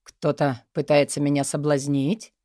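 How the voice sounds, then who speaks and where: A woman reading the part of a teasing, tender young male demigod, speaking low and hushed. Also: flat delivery, unhurried, dry recording, studio quality. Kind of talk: audiobook character voice.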